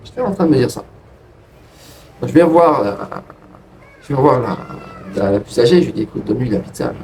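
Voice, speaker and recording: A man casually telling a personal story to his viewers in a rambling way, with frequent restarts. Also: brisk. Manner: rambling, restarts, lively pitch jumps. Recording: distant from the mic with faint ambient noise.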